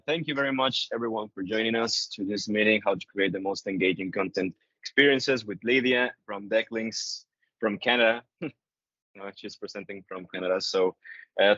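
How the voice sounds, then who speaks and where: A man with a fairly low voice hosts an online webinar, hesitating often and repeating himself with plenty of fillers. His audio comes over a video call, dry and a bit dull. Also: fairly bright tone, no room sound. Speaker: webinar host. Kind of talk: casual hosting.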